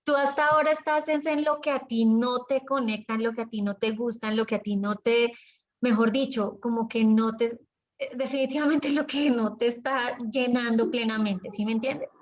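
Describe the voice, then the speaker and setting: A Colombian woman leading an online business coaching session, talking in a lively way and acting out her examples with long pauses. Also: muffled recording. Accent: Colombian Spanish. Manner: chatty and animated, acts out examples with pauses and lowered tone. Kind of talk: live video call coaching.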